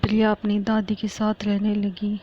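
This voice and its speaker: A woman's voice: medium pitch, monotone, normal speed. A woman narrating a family story as a storyteller, on a muffled lo-fi recording.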